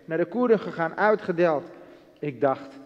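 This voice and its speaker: Here a high-voiced man from Iraq testifies as a guest in an interview, speaking expressively at normal speed. Telling his story with earnest feeling in broken Dutch, he acts out the dialogue, and the muffled recording echoes with long hall reverb.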